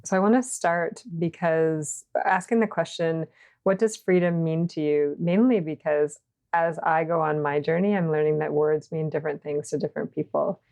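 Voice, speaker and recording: A woman hosts a podcast conversation, encouraging her guest and asking open questions. Her voice sits low, with a gravelly fry running through her speech. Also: fairly even intonation, moderate pace, darkish tone. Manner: affirming, encouraging interviewer. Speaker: podcast host. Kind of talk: casual interview conversation.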